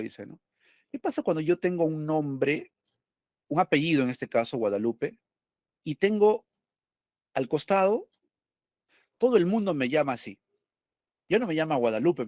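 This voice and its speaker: A man's voice: a little high, a little mellow, no room sound, studio quality. A male teacher going over test questions, explaining step by step and asking and answering his own questions.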